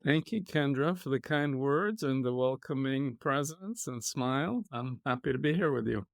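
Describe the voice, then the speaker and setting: A middle-aged man, a podcast guest telling his life story in a reflective, measured way. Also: mid-range voice, expressive, creaky, no echo, studio quality. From Israel. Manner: reflective, measured, with soft laughs. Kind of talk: conversational storytelling.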